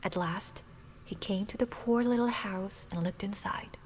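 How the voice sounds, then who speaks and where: A woman whose first language is Korean, calmly reading a fairy tale aloud in a soft whispered role-play. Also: mid-range voice, unhurried, slight background noise, poor audio. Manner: calm, soft whispered narration.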